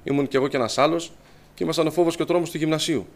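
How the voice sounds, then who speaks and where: A man telling his personal testimony to a congregation, lively and storytelling, acting out what others said. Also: fairly high pitch. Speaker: church member giving testimony.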